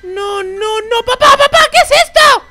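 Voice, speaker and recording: A performer voicing Bebe Timo, an excitable, dramatic baby boy with squeaky, shrieking outbursts, in a Minecraft role-play. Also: moderate pace, music in the background. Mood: excited. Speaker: host.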